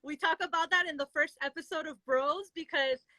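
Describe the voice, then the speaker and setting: A woman's voice: sits high, fairly quick, bright, forceful tone, dry recording, poor audio. A woman hosting a casual live interview, chatting and reading out viewers' questions. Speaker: interview host.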